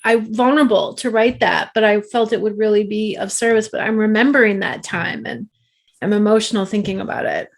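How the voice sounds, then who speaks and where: A woman's voice: medium pitch, a little fast, vocal fry, few pauses. A woman author speaking as an interview guest, open and emotional, laughing often as she talks. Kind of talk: interview conversation.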